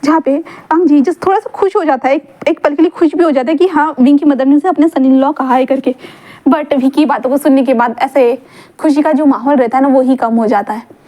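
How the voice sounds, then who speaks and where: A woman's voice: high voice, steady tone, fairly quick, dull audio. A woman casually narrating a fan-fiction story, chatty and informal with fillers.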